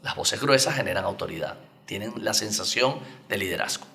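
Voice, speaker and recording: A man's voice: fairly low pitch, animated, fairly quick, vocal fry, pushed and bright, faint music behind. A man as an oratory coach, a guest explaining speaking technique in a didactic way with spoken examples. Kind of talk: explanatory interview talk.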